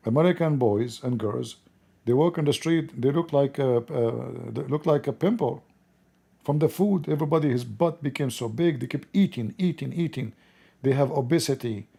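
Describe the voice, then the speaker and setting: A man with an Arabic accent, a native Arabic speaker, giving blunt, informal political commentary in halting, repetitive non-native English. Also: mid-range voice, gravelly, dark tone. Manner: blunt, opinionated.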